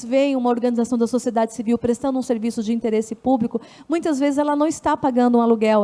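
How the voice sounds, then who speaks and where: High-voiced Brazilian woman explaining. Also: dark tone. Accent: Brazilian Portuguese. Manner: explanatory, poses questions to herself and answers them; frequent restarts and self-corrections. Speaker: public administration official presenting her department. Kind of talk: online seminar talk.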